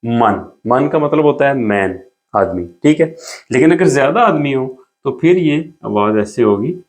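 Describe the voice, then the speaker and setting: A man teaching a beginner language lesson, explaining patiently step by step and repeating each sound slowly while he writes. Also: mid-range voice, expressive.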